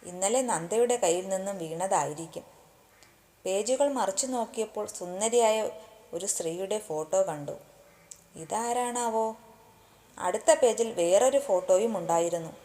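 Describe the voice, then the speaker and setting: A woman narrating a romance story aloud in a steady, even reading manner. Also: medium pitch, moderate pace.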